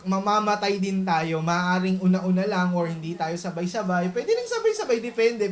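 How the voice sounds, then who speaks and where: A woman's voice: medium pitch, low-quality recording. A woman preaching a sermon in mixed Tagalog and English. She speaks emphatically and keeps asking the congregation to agree. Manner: emphatic, often asks the audience to confirm. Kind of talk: Taglish sermon.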